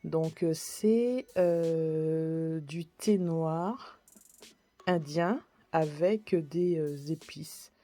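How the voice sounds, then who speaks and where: A woman's voice: deep voice, very slow, mellow, no room sound. A woman chatting casually through a shopping haul video, hesitant with many fillers, apologising for her English pronunciation. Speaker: vlogger.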